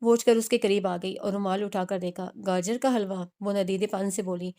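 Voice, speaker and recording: A woman's voice: medium pitch, fairly even intonation, normal speed, mellow. A woman narrating a romance novel, reading all the characters' dialogue in a near-plain voice with small restarts. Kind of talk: scripted audiobook narration.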